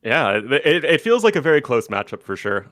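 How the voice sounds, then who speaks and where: A man co-casting a strategy game tournament in a relaxed, chatty way, laughing often. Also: medium pitch, a little fast, no echo. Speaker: tournament co-caster. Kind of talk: casual game commentary.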